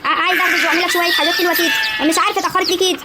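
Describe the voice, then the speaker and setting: A woman's voice: very high voice, steady tone, racing. A woman playing a placating middle-aged village mother, speaking with a rural Egyptian accent. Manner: coaxing, placating. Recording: loud outdoor noise, chickens.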